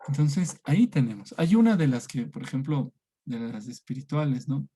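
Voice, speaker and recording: A man's voice: mid-range voice, expressive, normal speed, warm tone, breathy edge. A man with an Ecuadorian Spanish accent teaching a religion class over a video call, speaking conversationally and often checking in with his students. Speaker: catechism teacher.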